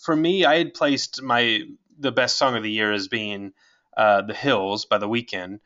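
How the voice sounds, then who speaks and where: A man's voice: on the low side, measured pace, pushed and bright, muffled recording. A man co-hosting a podcast in a casual music chat, rambling with lots of filler words. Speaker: podcast co-host.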